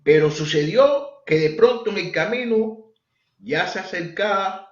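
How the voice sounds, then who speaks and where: A man's voice: sits high, a little slow. A man teaching a bible study sermon, asking his listeners questions as he explains the passage. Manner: animated, asks the listeners questions. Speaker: preacher. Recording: echoey, lo-fi room recording.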